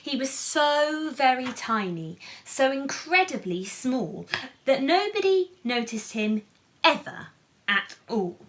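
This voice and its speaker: A woman reading a picture book to children in an animated, playful way, with chatty asides and questions to her listeners. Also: high-pitched, takes it slowly, slight background noise. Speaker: children's storybook reader.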